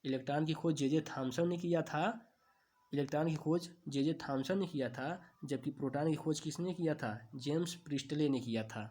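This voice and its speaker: A man with a somewhat high voice runs through exam questions like a coaching teacher. He asks each answer back as a question, then repeats it, drawing key terms out slowly. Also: warm tone. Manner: slow, drawn-out stresses on key terms. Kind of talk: quiz-answer lesson.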